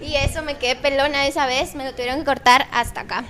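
Animated high-voiced woman telling a story. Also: fast talker. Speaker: kindergarten teacher and podcast guest. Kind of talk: casual storytelling chat.

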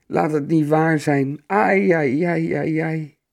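A man's voice: mid-range voice, animated, normal speed, a little mellow, natural voice. A man doing a fretful wise old troll. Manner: friendly, fretting with moans.

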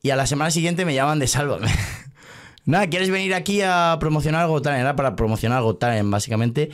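A man's voice: medium pitch, clean tone. A young man in his twenties, a magician guest on a podcast, telling a story in casual chat with lots of fillers. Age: 20s. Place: podcast studio.

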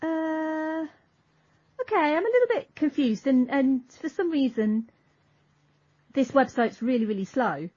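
A woman's voice: high-pitched, lively intonation, a little slow, long pauses, warm tone. A woman co-hosting a podcast, chatting casually and trailing off as she explains. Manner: rambling, self-interrupting, trailing off. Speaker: podcast co-host. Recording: dull lo-fi audio.

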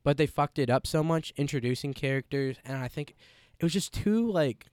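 A man's voice: on the high side, normal speed, clear, resonant tone, dry recording, clean studio sound. A young man co-hosting a casual podcast, talking animatedly with lots of "like" and casual swearing. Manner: animated, filler-heavy with many "like"s, swears casually. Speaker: podcast co-host. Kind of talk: casual chat.

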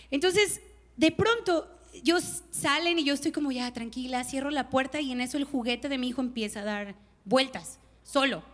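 A woman pastor, telling a personal story in a conference sermon and acting out the voices of the people in it. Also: high-pitched. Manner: animated storytelling, laughing, acting out quotes. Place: conference stage.

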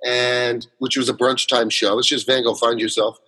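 Male guest, husky timbre, mid pitch, loose rambling delivery with lots of "uh"s. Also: level tone, moderate pace, pushed and bright, rough recording. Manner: rambling storyteller, many fillers and restarts. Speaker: guest, solo theater performer. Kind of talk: casual interview chat.

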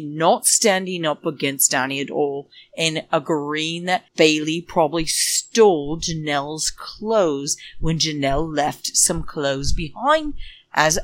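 A woman's voice: low-pitched, no room sound. A woman hosting a solo podcast, giving a sarcastic, catty, ranting recap. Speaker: podcast host.

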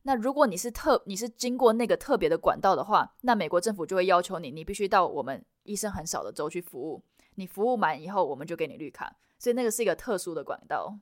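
Woman, immigration consultant, rapid explanatory delivery, slightly low voice, dry close sound. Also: expressive, no echo. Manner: mixes English terms into Mandarin. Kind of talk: expert interview answers.

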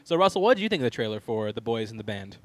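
A man's voice: on the low side, very animated, very fast, no echo. Male podcast host, close dry sound. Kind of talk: casual entertainment talk show hosting.

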